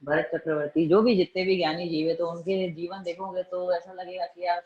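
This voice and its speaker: A man's voice: sits high, little pitch movement, brisk, a little mellow. A man giving a Jain religious discourse in a conversational way, often asking his listeners whether they follow. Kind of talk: Hindi religious discourse mixed with English words. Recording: roomy, dull recording.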